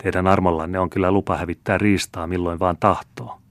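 This is a harsh middle-aged bailiff from an old storybook, as a male narrator puts him on. He scolds and commands with open contempt, in a deep, low voice. The sound is dry and close, with no room around it. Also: level tone, no echo, natural voice. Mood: mock-humble. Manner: stern, berating, commanding.

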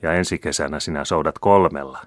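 A man's voice: rumbling low, no echo, studio quality. A man reading an audiobook, voicing a playful boy who jests lightly. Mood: joking. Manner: jesting, light. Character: playful teenage boy, joking.

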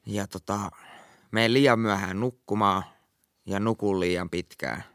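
A man co-hosting a casual chat podcast, playful and jumping high in pitch when he jokes. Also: fairly even intonation, a bit bright, clean tone, dry recording, studio quality. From Finland. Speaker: podcast co-host.

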